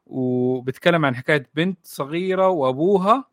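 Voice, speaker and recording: Relaxed man, slightly high voice. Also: brisk, no room sound. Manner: relaxed, easygoing, laughs often. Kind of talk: casual chat about anime.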